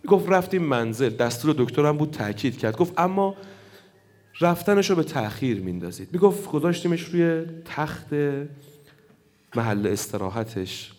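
A man's voice: a little high, expressive, darkish tone. A man delivering an emotional storytelling sermon at a mourning gathering, retelling a story with quoted dialogue and building to impassioned intensity. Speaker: religious speaker at a mourning gathering. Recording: long hall reverb.

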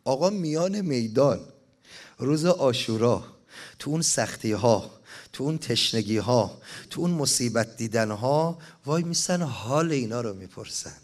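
A man's voice: medium pitch, animated. A man preaching a mourning sermon, reading an elegy and chanting it, at times rising to impassioned cries.

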